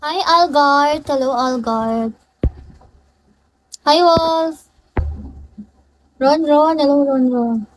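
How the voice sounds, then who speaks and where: A woman's voice: high voice, extremely slow, long pauses, a little hiss or hum, poor audio. A young woman live streaming on her phone, playfully greeting and teasing her viewers by name in casual chat. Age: young adult.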